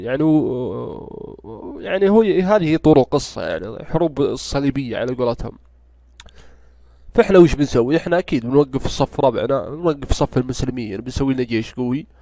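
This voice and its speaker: Stuffy-nosed Saudi man, fast chatty gamer. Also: mid-range voice, mellow, dry recording. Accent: Saudi Gulf Arabic. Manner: rambling, grumbling, chatty. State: congested, stuffy-nosed from a cold. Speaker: gaming YouTuber. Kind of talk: casual gameplay commentary.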